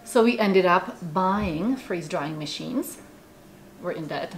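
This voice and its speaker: A woman in her forties with a Czech accent, speaking in a fairly low voice. She chats animatedly in an interview, leaning on fillers as she goes. The recording comes from a small office with a faint hum of ambience. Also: slow pace. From Czech Republic. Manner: animated, talks with hands, many fillers. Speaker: food company founder. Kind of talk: casual interview chat. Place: small office with bookshelves, indoors.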